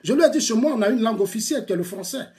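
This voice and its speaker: Un homme originaire de Côte d'Ivoire, de langue maternelle bété, avec un accent ivoirien, qui sermonne longuement un rival dans une vidéo et répète ses phrases. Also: male voice, extremely high pitch, expressive, rapid-fire, darkish tone. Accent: Ivorian French. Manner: lecturing, repetitive, scolding, bursts of laughter. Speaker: political activist replying to a critic. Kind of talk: heated video rant addressed to a rival.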